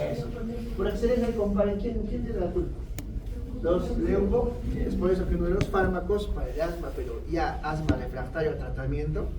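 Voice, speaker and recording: A man's voice: high-pitched, distant mic, noisy background. Man lecturing from across an echoey classroom. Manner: quizzing students with quick questions and answers. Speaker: pharmacology lecturer. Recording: echoey room, voice from off-mic.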